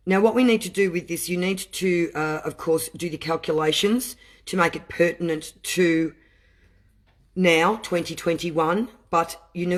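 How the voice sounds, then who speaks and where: A man with a voice that sits on the higher side reads out dry legal clauses at a careful pace. He keeps breaking off into fervent, emotional commentary aimed straight at his listeners. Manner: deliberate reading broken by impassioned asides. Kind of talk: reading aloud and commenting.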